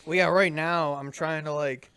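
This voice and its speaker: A man chatting casually on a commentary track about a comedy series he made, relaxed and trailing off. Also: on the high side, normal speed, clear, resonant tone, no room sound. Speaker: co-creator commenting on his show.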